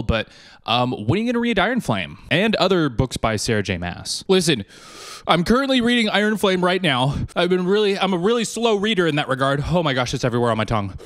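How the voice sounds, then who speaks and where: A male YouTuber answering viewer questions in a casual, joking Q&A vlog with quick asides. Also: on the high side, dry recording, studio quality. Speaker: book and media YouTuber.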